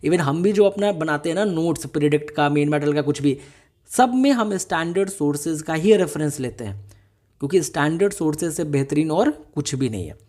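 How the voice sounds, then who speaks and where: A man lecturing exam candidates in a mellow, dark-toned voice. He presses his points with rhetorical questions and slips English phrases into his talk. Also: a little high, lively intonation, a little fast. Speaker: exam-prep teacher. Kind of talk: YouTube lecture.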